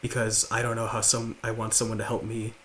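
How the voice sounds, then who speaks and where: A young man in his late teens with a slight lisp, talking quietly and haltingly to the camera at home. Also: fairly low pitch, monotone, slight background noise. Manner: halting, with many fillers and restarts. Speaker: vlogger. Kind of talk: confessional talk to camera. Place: large house, indoors.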